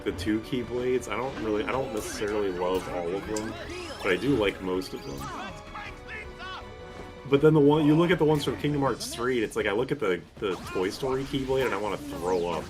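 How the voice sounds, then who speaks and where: A video game streamer gives casual, rambling gameplay commentary with some swearing. His voice is on the low side, animated and fast, with video game music playing behind him.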